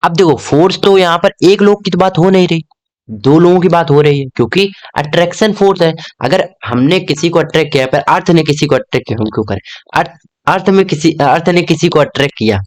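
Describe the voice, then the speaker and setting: A man's voice: a little high, a little fast. A young man teaching an exam-prep lesson in a casual, chatty way, often checking in with "okay?". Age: young adult.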